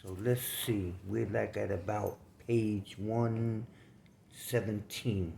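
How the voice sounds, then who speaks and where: An older man from New York reading aloud from his own memoir, unhurried and plainspoken, with casual asides. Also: lowish voice, fairly even intonation, gravelly, warm tone. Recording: roomy room with faint background noise.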